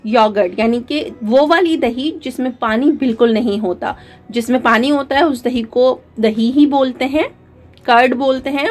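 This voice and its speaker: A woman hosting a channel, narrating a recipe in a calm, step-by-step way frequent fillers and mixed in. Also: sits high. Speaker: cooking channel host.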